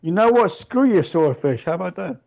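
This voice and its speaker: A man's voice: high-pitched, big pitch swings, fairly quick, creaky, darkish tone. A man in casual banter with fellow veterans, blunt and profane, laughing often.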